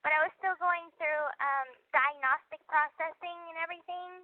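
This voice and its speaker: A young woman talking on a prison phone line, soft-spoken and hesitant. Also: high-pitched, fairly even intonation, normal speed, no room sound. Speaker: inmate calling from prison. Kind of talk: casual phone conversation.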